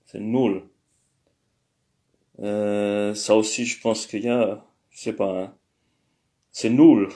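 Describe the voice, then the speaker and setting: In a low, dark voice, a man who teaches languages delivers a casual spoken lesson, hesitating often and working things out aloud with plenty of fillers.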